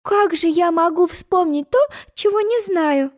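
A woman's voice: very high voice, a little slow, pitched above the performer's own voice. A woman voicing an earnest, curious seven-year-old girl. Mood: plaintive. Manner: plain, questioning, a little teasing.

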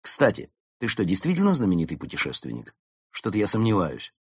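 Male narrator doing an anxious storybook cat, lively and dry. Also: lowish voice, fairly quick, slightly rough, dry recording, exaggerated voice. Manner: worried, grumbling. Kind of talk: storybook reading.

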